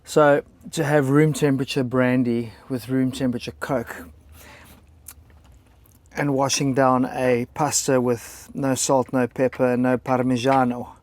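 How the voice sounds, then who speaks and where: A man's voice: medium pitch, level tone, unhurried, darkish tone. A man from South Africa with a South African accent, chatting casually and jokingly for his travel vlog at a motorhome camp. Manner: chatty, joking, self-deprecating. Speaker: travel vlogger. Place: motorhome camp beside a racetrack, outdoors.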